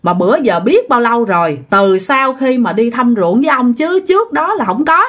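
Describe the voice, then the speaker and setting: A woman's voice: a little high, animated, moderate pace, fairly bright tone. A woman with a Southern Vietnamese accent voicing a humble, sickly young farmer husband who explains himself with puzzlement. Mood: puzzled.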